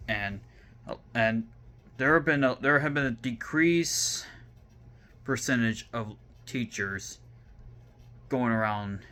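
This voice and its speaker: Young southern guy hosting his vlog, bright voice, keeps repeating and restarting words. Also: fairly low pitch. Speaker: vlog host. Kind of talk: casual talk to camera.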